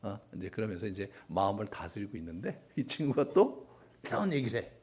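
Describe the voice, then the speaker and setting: Lively, joking male pastor preaching. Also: lowish voice, a little fast, husky. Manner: humorous, conversational, acts out voices. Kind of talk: sermon.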